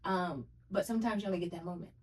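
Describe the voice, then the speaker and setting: A woman's voice: on the low side, rapid-fire, distant mic, rough recording. A woman guest telling her dating story in casual podcast chat, earnest and reflective.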